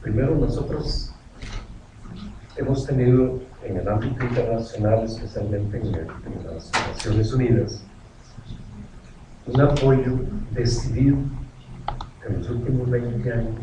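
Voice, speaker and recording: Low-voiced man speaking from afar in an echoing hall. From Costa Rica. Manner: earnest, deliberate, with pauses and restarts. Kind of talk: formal address at a meeting. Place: large meeting hall. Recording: echoey room, distant mic, noisy.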